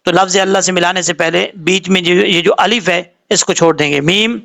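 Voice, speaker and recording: Gravelly high-voiced Urdu Quran teacher. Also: male voice, fairly even intonation, sharp tone. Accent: Pakistani Urdu. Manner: spells out letters and vowel marks slowly, then explains rules quickly. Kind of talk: word-by-word recitation lesson.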